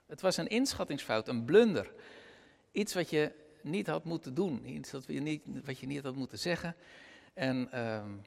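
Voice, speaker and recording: A man preaching a sermon after a Bible reading, with an expressive delivery and a gravelly voice. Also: normal speed, big-room sound. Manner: expressive, with wide pitch swings.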